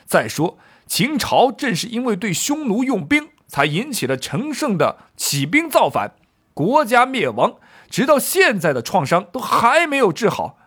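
A stern, upright general of an old imperial court, scolding the assembly in a raised, declaiming voice, as a male storyteller puts him on. The voice sits fairly high and swings widely, with a husky grain. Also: fairly bright tone, heavily acted.

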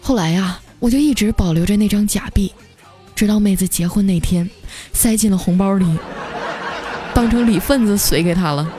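A woman's voice: medium pitch, moderate pace, warm tone, faint music behind, natural voice. A woman voicing a sulky, unlucky young office man who complains in an aggrieved tone. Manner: aggrieved, self-pitying.

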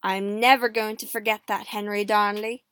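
A woman's voice: medium pitch, level tone, normal speed, a bit bright, clean tone, dry recording, lightly acted. A woman voicing a proud, outspoken young queen in an audiobook story, emphatic and commanding. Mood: cold, bitter.

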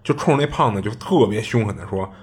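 Low-voiced man telling a ghost story. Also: expressive, fast, a little mellow. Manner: chatty, colloquial, with many filler restarts. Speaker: podcast host.

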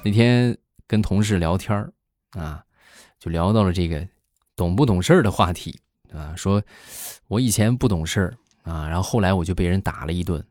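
A man's voice: low voice, moderate pace, no room sound, soft background music. A man doing a comic monologue, telling stories with frequent filler sounds. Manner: lively storytelling with frequent filler "ah"s. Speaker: stand-up comedian.

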